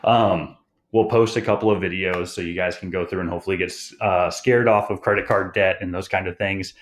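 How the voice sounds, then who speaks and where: A man's voice: deep voice, fairly even intonation, a little fast. A young man teaching students in a recorded online lesson, rambling with many fillers and a bit out of breath. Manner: rambling, many "um"s and "you guys". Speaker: high school teacher.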